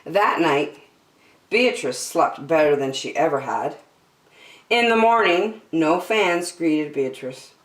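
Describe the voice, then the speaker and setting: Female storytime host: lowish voice, very animated, measured pace, reading to children in a roomy space. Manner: expressive, addresses listeners as friends. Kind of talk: children's picture-book read-aloud. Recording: roomy indoor echo.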